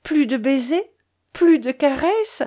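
A woman's voice: medium pitch, little pitch movement, slow, breathy edge. A woman reading aloud, voicing an anguished young woman in forbidden love who breaks into tearful, desperate outbursts. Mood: sobbing.

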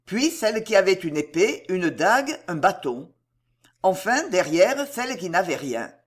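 An audiobook narrator who reads with drama and vivid colour, the pitch rising and falling widely from phrase to phrase. The voice sits at a medium pitch and carries the action of the scene. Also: big pitch swings, unhurried. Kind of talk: scripted narration of a historical adventure novel.

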